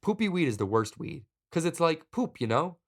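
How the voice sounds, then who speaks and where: A man's voice: on the high side, sing-song, normal speed, voice pushed up. A man putting on a goofy stoner young woman. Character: ditzy stoner young woman, cheerful slang talker.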